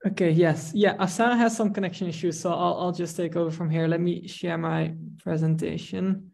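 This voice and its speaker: A man from the Netherlands, giving an online research presentation over a video call, measured and full of ums. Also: sits high, fairly even intonation, creaky, darkish tone. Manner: measured, with frequent ums and restarts.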